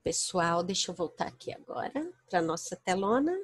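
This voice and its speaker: A woman's voice: on the low side, lively intonation, normal speed, husky, dry recording. A woman teacher with a Brazilian Portuguese accent giving an online class, explaining points step by step and checking that her students understand. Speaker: English teacher. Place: home, online virtual class.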